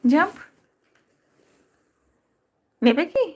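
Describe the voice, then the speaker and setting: A woman's voice: high voice, very animated, extremely slow, muffled recording. A woman talking playfully to her pet dog, coaxing it with short repeated commands. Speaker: dog owner.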